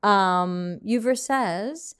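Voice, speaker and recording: A woman's voice: mid-range voice, extremely slow, fairly bright tone, clean tone. An American woman teaching a live online design lesson in a chatty, conversational way, answering viewer questions as she goes. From United States.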